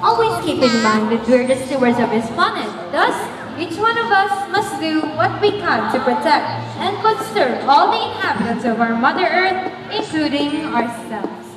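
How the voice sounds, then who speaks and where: A woman's voice: high voice, very animated, normal speed. A woman hosting an animal show, delivering a scripted theme park spiel in a peppy, exclamatory announcer style over a PA. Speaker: sea lion show host. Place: outdoor amphitheatre by a pool, over PA speakers. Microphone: amplified, recorded from the audience far off. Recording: echoey distant PA, loud music and crowd.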